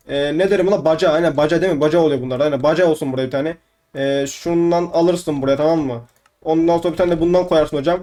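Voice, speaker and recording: A gaming YouTuber, this young man narrates a let's-play casually, chatting, swearing playfully, and saying the same words repeatedly. The voice sits fairly high and has a dark tone.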